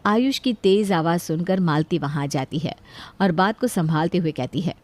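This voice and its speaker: A woman narrating a cartoon story in a steady, scripted storytelling manner. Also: fairly low pitch, normal speed, no room sound.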